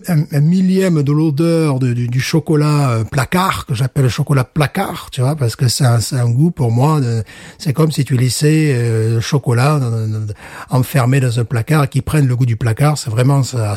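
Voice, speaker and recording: Man, beer podcast co-host, punning and self-mocking, dark tone. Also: mid-range voice, slightly rough, dry recording, clean studio sound. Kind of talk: casual beer podcast chat.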